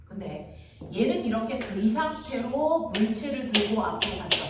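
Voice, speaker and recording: A woman's raised, fairly high voice explains physics to a class, stopping again and again to ask whether everyone follows. She sounds far from the microphone in a strongly echoing room. Clear background noise runs underneath. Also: lively intonation. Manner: constantly checks understanding with quick questions. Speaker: physics teacher. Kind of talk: classroom lecture. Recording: very echoey room, distant mic, audible noise.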